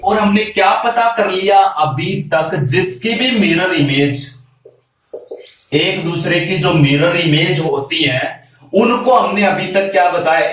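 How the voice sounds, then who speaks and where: A man's voice: fairly high pitch, fairly bright tone. A man teaching a chemistry class, who keeps asking rhetorical questions, answers them himself and calls his students "beta". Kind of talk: classroom lecture. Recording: very echoey room, mic far off.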